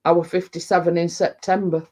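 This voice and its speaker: Hosting a relaxed livestream from home, a woman in her fifties from Lancashire, England reads viewer comments aloud, rambles, and laughs often. She talks a little fast in a low, darkish voice with little pitch movement.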